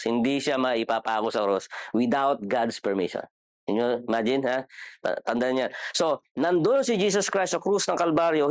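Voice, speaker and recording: A man's voice: medium pitch, no room sound, clean studio sound. A man with a Filipino accent teaching a Bible class in a casual, chatty way, questioning his listeners and joking. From Philippines. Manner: chatty, asks the class questions, jokes, code-switches. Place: church classroom.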